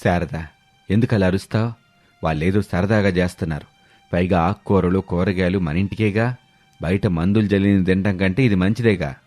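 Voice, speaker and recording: Give me a mild, reasoning father-in-law, voiced by the narrator, low and quiet. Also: normal speed, no echo, faint music behind, lightly acted. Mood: soothing. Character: gentle older father-in-law, calming.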